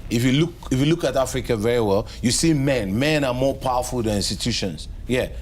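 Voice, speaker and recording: A man's voice: medium pitch, fairly quick. A man answering as a guest in an interview, speaking emphatically and repeating phrases for stress.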